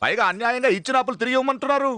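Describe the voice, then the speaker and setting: Bright, cheeky freeloading gambler. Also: male voice, very high-pitched, racing, clean tone, no echo. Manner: jokey, teasing banter. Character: cheeky gambling son-in-law, freeloading and jokey. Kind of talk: film comedy dialogue.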